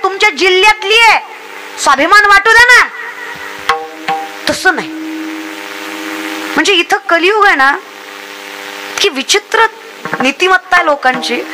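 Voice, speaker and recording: A woman's voice: very high voice, background noise. A young woman preaching a comic devotional sermon, urging the crowd and acting out villagers' lines. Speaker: kirtan preacher.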